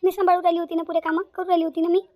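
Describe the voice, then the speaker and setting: A woman's voice: extremely high pitch, little pitch movement, racing, no echo, dull audio. Woman voicing an earnest younger sister-in-law. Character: devoted younger sister-in-law, insistent and sweet. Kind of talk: cartoon voice acting.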